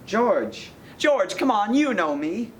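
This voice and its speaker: A man plays a desperate husband on a stage, begging and demanding by turns. His voice sits high and swings widely in pitch, with a faint hiss in the background. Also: sing-song, takes it slowly, exaggerated voice. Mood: frantic. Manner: pleading, frantic. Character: desperate young husband at wit's end. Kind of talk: amateur stage acting.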